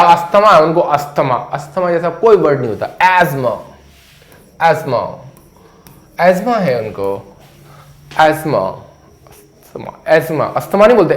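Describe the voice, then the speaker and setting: A fairly high-voiced man gives a casual English lesson. He chats and jokes with his class and says each word over and over so it sticks. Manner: chatty, jokey, repeats key words to drill them. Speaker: English teacher.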